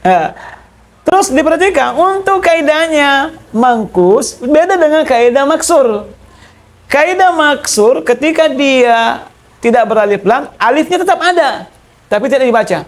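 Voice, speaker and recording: Speaking at a measured pace, a man with a very high-pitched, animated voice leads a grammar lesson in class. He explains one step at a time, repeats important terms, and checks in frequently on his students' understanding.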